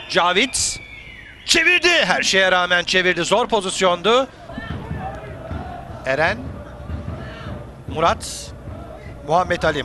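High-pitched male football commentator. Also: a little hiss or hum. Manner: calls players' names, excitable shouts at key moments. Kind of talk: live football match commentary.

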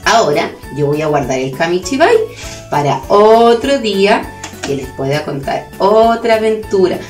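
A Chilean preschool educator telling a story to young children in an animated, sing-song way. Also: female voice, mid-range voice, moderate pace. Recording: roomy room with faint music.

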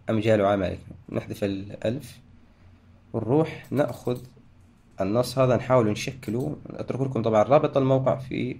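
Guy walking thru a tutorial, fast talker, bit of fry in the voice, keeps fixing himself. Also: medium pitch, darkish tone. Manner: talks through steps, frequent restarts and self-corrections. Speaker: tutorial host. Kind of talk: screen-recorded software tutorial.

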